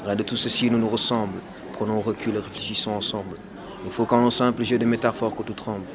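A man, a student and slam poet, reciting a poem in a steady, solemn way. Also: fairly low pitch, fast talker. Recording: outdoor crowd chatter behind.

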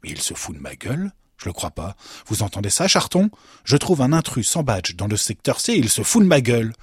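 A man's voice: medium pitch, big pitch swings, a little fast, husky, no room sound, studio quality. A man voicing an indignant prison director who scolds his staff in an outraged tone.

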